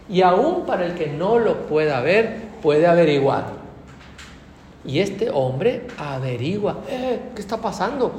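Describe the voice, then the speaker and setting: Animated Mexican preacher in an echoey room. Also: male voice, high-pitched, slight background noise. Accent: Mexican Spanish. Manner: animated, asks the congregation questions. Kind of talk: sermon.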